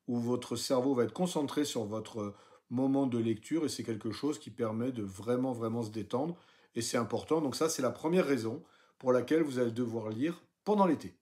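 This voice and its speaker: A man's voice: medium pitch, warm tone. A man coaching viewers in a casual talking-head video, chatty, with many fillers and restarts and punchy emphasis on key points. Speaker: career coach for civil service exams.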